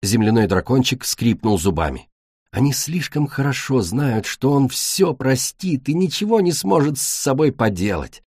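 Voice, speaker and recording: A man reading a children's fantasy audiobook in an expressive manner. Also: mid-range voice, normal speed, breathy edge, dry recording, clean studio sound. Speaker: audiobook narrator.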